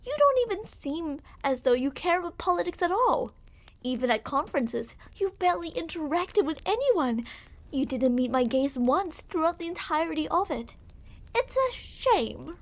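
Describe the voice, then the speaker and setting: Speaking in a high voice, a woman roleplays a yandere royal captor in ASMR, smug and menacing throughout. Her theatrical, condescending tone carries mock affection, and the mood comes across as reproachful and smug.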